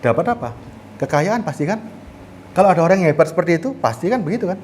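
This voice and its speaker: A man's voice: sits high, lively intonation, quick pace, darkish tone, a little hiss or hum. A man preaching an interactive sermon, often asking the audience questions and rising to emphasis.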